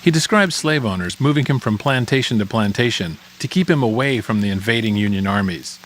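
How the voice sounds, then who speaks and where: A man's voice: fairly low pitch, lively intonation, brisk, fairly bright tone, a little hiss or hum. A man hosting a podcast, delivering scripted documentary narration.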